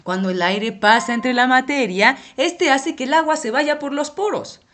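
A woman voicing a bodiless, teacher-like guide in a children's cartoon, calmly explaining, over light music. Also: sits high, moderate pace, a little hiss or hum. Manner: patient, explaining, occasionally scolding. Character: patient female guiding voice with no body. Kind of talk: children's educational cartoon acting.

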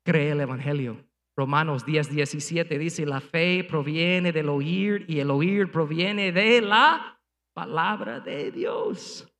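A man's voice: a little high, takes it slowly, fairly bright tone, long reverb tail. A man preaching a sermon as pastor, speaking emphatically with rhetorical questions and punchy sound effects before a congregation. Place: church sanctuary before a congregation, also streamed online.

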